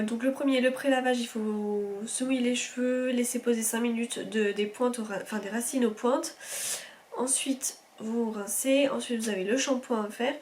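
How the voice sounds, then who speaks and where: A woman in her twenties from France, tired, chatting casually in a home vlog with lots of fillers and restarts. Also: a little high. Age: 20s. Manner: rambling, many fillers and restarts. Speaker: vlogger.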